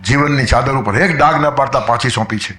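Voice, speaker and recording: A man delivers a spiritual discourse in a storytelling manner. He quotes old verses and sometimes acts out the voices of people in his anecdotes. His voice sits at a middle pitch and carries a roomy echo. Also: brisk, sharp tone. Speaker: spiritual speaker.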